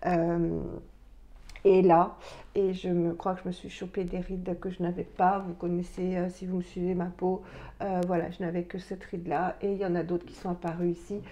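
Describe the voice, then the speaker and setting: A woman's voice: on the low side, little pitch movement, normal speed, dark tone. A woman in her fifties chatting through a skincare review with many fillers and restarts. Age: 50s. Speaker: beauty vlogger. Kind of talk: casual product review.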